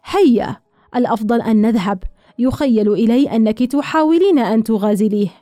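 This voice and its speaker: A woman reading a sly, smooth young man. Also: fairly high pitch, brisk, no room sound, studio quality, close to an everyday voice. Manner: soft, knowing, chuckling.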